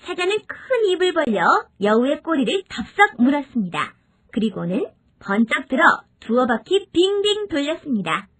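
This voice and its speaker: A woman narrating children's fables in a lively, expressive storyteller manner. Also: high-pitched, moderate pace.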